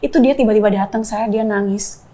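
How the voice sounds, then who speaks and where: A woman's voice: medium pitch, brisk, mellow. A woman sharing a personal faith testimony in earnest storytelling, slipping English phrases into her speech.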